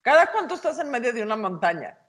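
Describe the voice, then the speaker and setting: A woman's voice: fairly high pitch, big pitch swings, quick pace. A Mexican woman co-hosting a podcast, teasing playfully and laughing while she talks. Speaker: podcast co-host. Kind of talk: casual chat.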